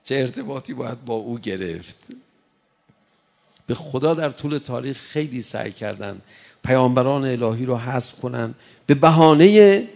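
A man preaching a sermon, reciting Arabic verses and swinging between hushed, intimate passages and impassioned rises. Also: fairly low pitch, gravelly.

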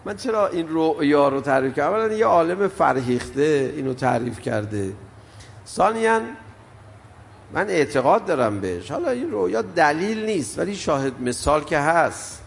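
Older man, gravelly voice, storytelling mourning sermon with rising and falling intensity, recorded with a faint hiss behind. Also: a little high, very animated. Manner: storytelling, swells and drops in intensity. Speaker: preacher reciting mourning elegy. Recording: long hall reverb, faint background noise.

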